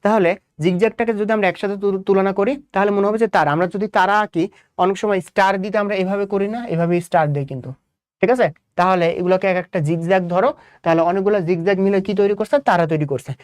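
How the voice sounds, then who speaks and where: A young Bangladeshi man with a Bangladeshi Bengali accent tutors students through exam questions at a brisk clip. He repeats key points and keeps firing rhetorical questions at his class. His voice is recorded close and dry, with no room sound. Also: high voice, steady tone, darkish tone, smooth, dry recording. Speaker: biology tutor. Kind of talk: exam-prep lecture.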